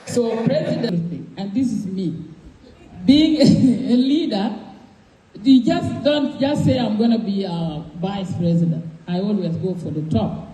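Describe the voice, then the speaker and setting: A woman from South Sudan giving a campaign speech as a candidate, halting with many fillers and restarts. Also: medium pitch, expressive, dark tone, roomy sound, poor audio. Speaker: presidential candidate.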